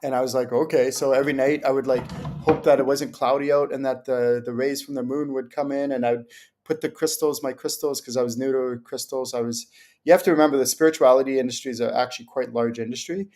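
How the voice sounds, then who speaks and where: Man, livestream host, casual spiritual Q&A, rambling, mid-pitched voice. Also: steady tone, fast, a little mellow. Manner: loose, rambling explanations with acted-out anecdotes. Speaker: spiritual teacher hosting a Q&A show.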